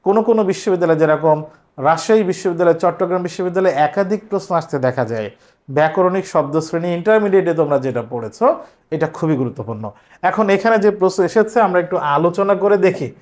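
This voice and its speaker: High-voiced man teaching exam prep. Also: darkish tone. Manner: explains step by step, repeats words slowly for pronunciation.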